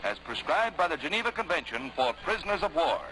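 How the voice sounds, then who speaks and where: A man narrating a 1940s wartime newsreel in a brisk, dramatic announcer delivery, played from an old newsreel soundtrack. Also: on the high side, very animated, low-quality recording. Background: music.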